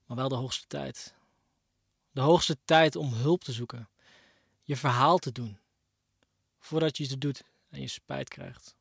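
A young man speaking a personal monologue to his ex-partner, moving between quiet reflection and raised, pained outbursts. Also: medium pitch, measured pace, creaky, long pauses, husky, dry recording, studio quality. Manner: emotional, addresses his ex-partner directly. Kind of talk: personal spoken-word monologue.

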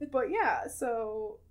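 A young woman co-hosting a podcast, chatting casually and playfully, giggling often with lots of fillers. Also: fairly high pitch. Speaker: podcast co-host. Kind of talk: casual chat.

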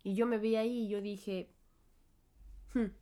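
A woman's voice: medium pitch, fairly even intonation, fairly quick, warm tone. A young woman with a Mexican accent and a cold, hosting a reflective solo podcast and talking in a chatty, self-interrupting way. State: has a cold and a cough. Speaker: podcast host.

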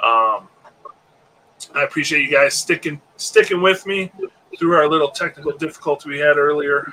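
A man in his late thirties hosts a live-streamed podcast in easygoing, rambling casual chat. His voice sits a little high and sounds very bright and forceful. He drifts between thoughts and leans on fillers as he goes. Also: slight background noise, rough recording. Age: 30s. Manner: laid-back, rambling, filler-heavy. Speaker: podcast host.

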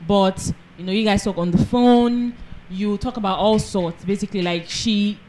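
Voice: mid-range voice, moderate pace, a little mellow, poor audio. A host leads a casual group chat, putting questions to the guests in a playful, laughing way. Faint background noise sits behind the voice.

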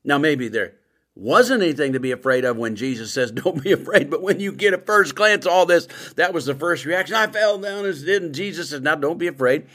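A middle-aged man preaching a sermon with emphatic swings between loud bursts and quiet asides. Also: fairly high pitch, lively intonation, brisk.

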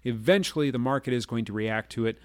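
A man casually explaining markets and trading, pausing to ask "okay?" and "all right?" as he goes. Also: mid-range voice, darkish tone, no echo. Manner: explains slowly with frequent "okay?" and "all right?" check-ins. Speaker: market commentator. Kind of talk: casual finance chat.

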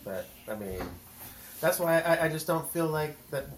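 A woman guest on a chat podcast, talking haltingly and repeating herself with lots of "I mean.". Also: sits low, expressive. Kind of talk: casual discussion. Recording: echoey room, faint noise.

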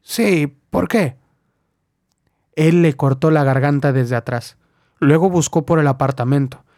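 A man narrating a short story as an audiobook, in a steady, measured delivery. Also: mid-range voice, no echo, studio quality. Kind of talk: scripted narration.

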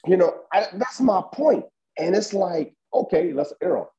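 A man's voice: high-pitched, moderate pace, highs cut off. A man co-hosting a boxing chat show, talking casually and emphatically with lots of fillers. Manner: animated, emphatic, heavy use of fillers. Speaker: boxing podcast co-host.

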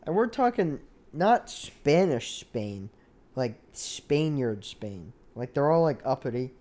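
A man's voice: mid-range voice, sing-song, takes it slowly, a little mellow. A young American man in casual, slangy banter with friends, peppering his talk with bro. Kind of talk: casual chat.

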